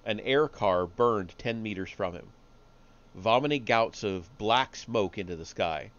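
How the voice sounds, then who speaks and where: A man reading a story aloud on a live stream, steady but with small slips and restarts. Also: fairly low pitch, a little slow, muffled recording.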